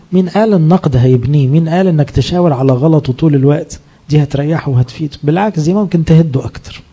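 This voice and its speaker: A man's voice: a little high, dark tone, breathy edge. A man with an Egyptian accent, a priest giving a sermon, explaining his points through rhetorical questions that he answers himself. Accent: Egyptian Arabic.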